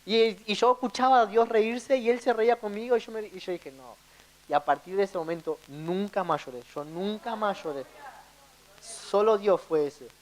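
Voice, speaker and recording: A man's voice: sits high, moderate pace, poor audio. A young Argentine man with a Rioplatense accent, preaching and sharing his own testimony from the pulpit. He talks earnestly and directly to the congregation and circles back to repeat his key phrases. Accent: Rioplatense Spanish. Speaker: church speaker giving testimony. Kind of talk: sermon testimony.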